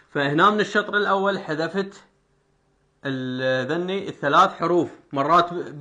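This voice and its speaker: A young man with an Iraqi Arabic accent teaches the meter of folk poetry, reciting verse lines slowly, syllable by syllable. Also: sits high, pushed and bright. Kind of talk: spoken lesson on poetic meter.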